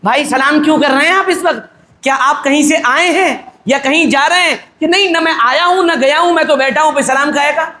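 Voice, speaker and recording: A middle-aged male cleric preaching at a wedding in a very high, bright voice. He talks with forceful energy and jokes with the crowd. He throws in rhetorical questions and acts out little dialogues. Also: roomy sound. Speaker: Islamic cleric officiating a wedding. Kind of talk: wedding sermon, conversational.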